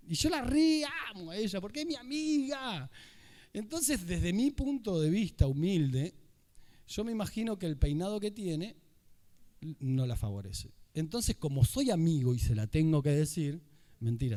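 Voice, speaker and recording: A man with an Argentine accent giving an animated, humorous conference talk, acting out quoted dialogue. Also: high-pitched. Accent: Argentine Spanish. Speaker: conference speaker. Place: large university lecture hall. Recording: reverberant hall sound.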